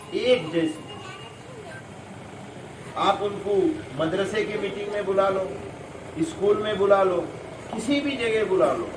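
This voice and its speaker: A man's voice: sits high, a little hiss or hum. A man from Kerala, speaking to parents as a visiting Islamic scholar. He asks rhetorical questions, answers them himself, and repeats sounds to drill pronunciation. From Kerala, India. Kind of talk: speech to parents. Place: madrasa hall. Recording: echoey hall from far off.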